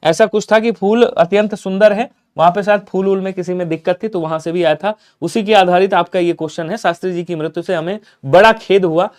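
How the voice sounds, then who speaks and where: A man's voice: high-pitched, steady tone, brisk, hardly any pauses. A man teaching a live online exam prep class on Hindi grammar, explaining answers in an emphatic way, repeating key points and checking in with his students.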